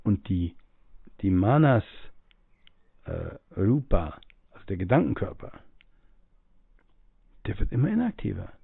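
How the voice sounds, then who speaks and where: A man's voice: on the low side, very animated, a little slow, gravelly, pauses often, breathy edge, dry recording. A man giving a spiritual teaching in a musing way, acting out the voices of the people he quotes and breathing audibly as he talks. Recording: tinny phone-like audio, dry.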